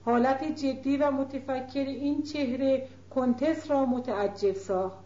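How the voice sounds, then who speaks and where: High-voiced woman reading a novel aloud. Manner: steady, measured reading. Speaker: narrator. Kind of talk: audiobook narration of a novel. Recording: roomy, dull lo-fi recording.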